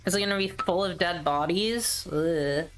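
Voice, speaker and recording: A woman's voice: fairly low pitch, moderate pace, faint music behind. A woman streaming a video game with casual, sweary commentary, exclaiming and talking to herself as she plays. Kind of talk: casual reactive let's play commentary.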